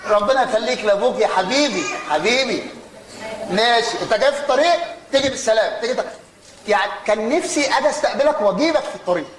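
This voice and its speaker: A man's voice: very high-pitched, animated, fast, a little hiss or hum. An actor with an Egyptian accent playing a broke, hot-tempered father in a stage comedy. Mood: fond. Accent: Egyptian Arabic. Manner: loud and exasperated. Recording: roomy stage sound.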